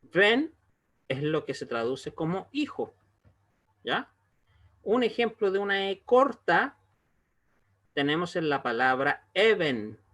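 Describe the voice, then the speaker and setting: A man teaching an online language lesson, explaining slowly and patiently and often pausing to check that students follow. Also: fairly high pitch, sing-song, fairly bright tone. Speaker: Hebrew teacher.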